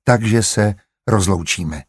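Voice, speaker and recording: A patient, calculating merchant in an audiobook, read by a male narrator. He speaks in a calm, measured way with a low, husky voice. The recording is dry and close. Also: no room sound.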